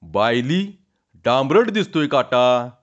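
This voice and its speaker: Man as an unflappable rural husband, slow gruff rustic talk, muffled lo-fi sound. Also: medium pitch, sing-song. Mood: calm reassuring. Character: steady village husband, calm, bold, reassuring. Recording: dull lo-fi sound.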